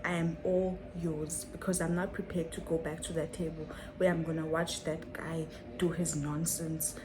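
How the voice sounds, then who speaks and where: A woman's voice: low voice, level tone, moderate pace, noisy background. A young woman telling a dramatic story on her vlog, full of rhetorical questions and repetition. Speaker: vlogger.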